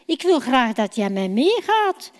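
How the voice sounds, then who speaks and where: A woman voicing a kind, gentle male teacher in a children's Bible story. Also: high-pitched, sing-song, a little slow. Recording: long church hall reverb.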